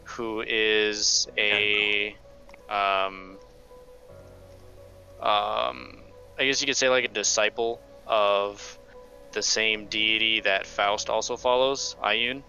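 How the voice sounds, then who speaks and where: A man with a low, gravelly but bright voice rambles through his character's backstory, stopping and restarting often. The sound is dull and lo-fi, with faint music underneath. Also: fairly even intonation, takes it slowly. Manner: rambling, hesitant, many restarts. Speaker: player. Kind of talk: casual tabletop game chat.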